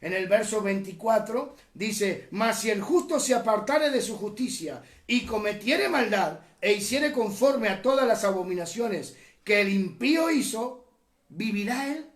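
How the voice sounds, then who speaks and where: A man from Uruguay delivers an impassioned teaching sermon in a high, animated voice at a measured pace, his pitch rising and dropping sharply. He frequently calls listeners "hermanos," and the sound is roomy.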